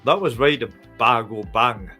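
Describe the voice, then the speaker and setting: A British man chatting casually as co-host, swearing freely and breaking into laughs. He tells animated stories at a middling pitch, with faint music in the background. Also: moderate pace, slightly rough. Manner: swears a lot, laughs often, animated storytelling. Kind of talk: casual chat.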